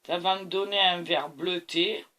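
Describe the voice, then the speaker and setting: A woman's voice: lowish voice, steady tone, unhurried, pushed and bright. A tired woman hosting a painting tutorial, talking to camera as she mixes colors and keeps praising them. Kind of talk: art demonstration talk to camera.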